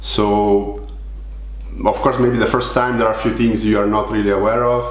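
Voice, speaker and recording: An Italian man, a native Italian speaker, answers interview questions as a guest who invests in property. His English is casual and hesitant with frequent restarts, delivered in a low, fairly flat voice at a moderate pace in a roomy-sounding space.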